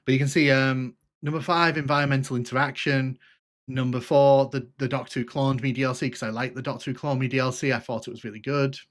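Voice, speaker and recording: In a flat, medium-pitched voice, a man from northern England with a slight Liverpool twang hosts a gaming stream. He chats casually with viewers while playing, in an informal, halting manner full of repeated phrases.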